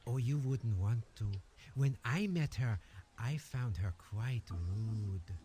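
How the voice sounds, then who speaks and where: Slow-talking snooty collector dude from an adventure game, man voicing him, measured and self-important. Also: medium pitch, mellow, a little hiss or hum, close to an everyday voice. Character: fussy male collector of rare voices. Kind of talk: game voice acting.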